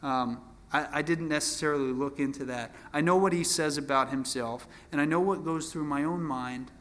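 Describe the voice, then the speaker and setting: Here a twentysomething preacher walks through the Bible informally, talking like a friend, downplaying himself, and restarting phrases often. The voice is a touch high and a little bright, at a moderate speed.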